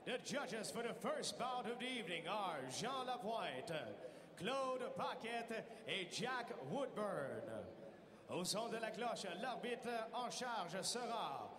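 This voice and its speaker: A man's voice: sits high, animated, slow pace, a bit bright, a little hiss or hum. A man announcing boxing bouts bilingually like a showy fight promoter, drawing out names over an arena PA. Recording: echoey arena PA with long reverb.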